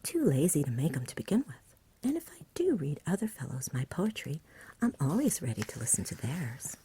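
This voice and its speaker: A woman voicing a lazy, genial, poetry-loving male dragon from a storybook in a soft whisper, with a chatty, polite, dreamy manner. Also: deep voice, big pitch swings, a little fast, a little hiss or hum. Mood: cheerful, untroubled.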